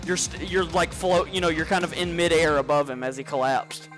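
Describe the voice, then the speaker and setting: A man narrating as game master of a tabletop role-play game, excitable, with loud sound effects, over a headset. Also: a little high, brisk, faint music behind.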